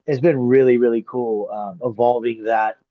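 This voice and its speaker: A middle-aged man, a grappling referee and coach, chatting as a podcast guest; he tells stories with lively energy, swears freely, and acts out the people he quotes. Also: mid-range voice, normal speed, dry recording. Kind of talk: casual chat. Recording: slightly muffled dry podcast audio.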